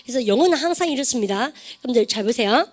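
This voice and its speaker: A woman teaching an online English grammar lesson, quizzing her students with quick questions. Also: sits high, animated.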